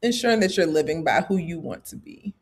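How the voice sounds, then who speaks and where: A woman's voice: lowish voice, expressive, brisk, breathy edge. A woman executive coach talking in an easygoing, slangy, chatty way. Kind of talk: casual conversational podcast.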